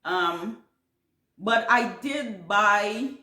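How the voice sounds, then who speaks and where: At home, a middle-aged Guyanese woman with a Caribbean accent hosts a casual Q&A vlog for her gardening channel, rambling a bit with fillers and restarts. She has a mid-range voice with a sharp tone and drawn-out words, and the sound is roomy.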